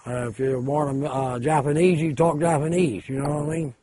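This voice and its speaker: A man with a talking in an easygoing, halting way. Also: a little high, fairly even intonation, a crowd in the background. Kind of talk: casual interview.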